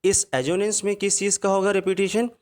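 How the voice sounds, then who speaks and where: Man teaching a slow Hindi grammar lesson. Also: high-pitched, flat delivery. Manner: explains in Hindi, reads English examples out slowly. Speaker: English teacher. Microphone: voice-over on slides.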